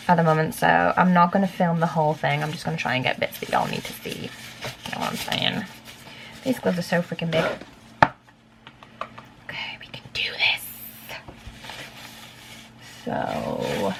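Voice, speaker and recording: A woman's voice: fairly low pitch, creaky, slight background noise. A young woman vlogging casually at home about dyeing her own hair, rambling with lots of fillers and talking to herself. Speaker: beauty vlogger. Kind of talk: casual chatty vlog.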